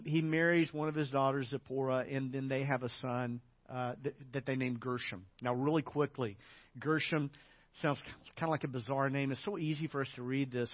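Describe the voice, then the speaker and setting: A man preaching a storytelling sermon as pastor, talking conversationally with little anecdotes and fillers, then building up to louder emphatic passages. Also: mid-range voice, no room sound, lo-fi sound.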